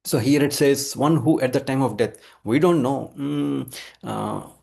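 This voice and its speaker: A man with an Indian accent teaching a devotional scripture class in a halting, conversational way. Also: mid-range voice, creaky, darkish tone, slightly rough. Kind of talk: devotional lesson with verse recitation.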